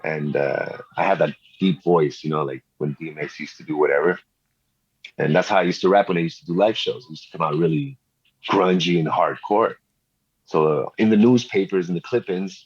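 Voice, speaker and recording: A middle-aged rapper and producer from Montreal, Canada, guests in a casual interview, telling his story laid-back and packed with street slang and "you know." His voice is low and husky, and the lo-fi sound is slightly dull.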